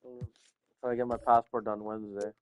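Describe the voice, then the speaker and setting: A man's voice: on the low side, a little fast. A man chatting and joking with friends while playing a basketball video game. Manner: joking, relaxed banter. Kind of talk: casual chat.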